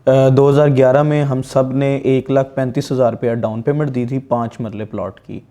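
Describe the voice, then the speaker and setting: A man recounts his grievance in careful detail during an interview. His voice is warm and relaxed, at a middling pitch for a man. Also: moderate pace. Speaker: interviewee, affected plot buyer. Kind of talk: interview testimony.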